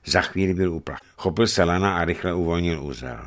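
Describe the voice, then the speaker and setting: A man narrating a sea adventure story aloud in an expressive, dramatic reading. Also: sits low.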